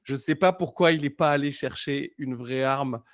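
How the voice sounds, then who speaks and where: A man's voice: medium pitch, normal speed, dry recording, clean studio sound. A man co-hosting a podcast in casual chat, rambling through stories and dropping to a mumble at phrase ends. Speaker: podcast co-host.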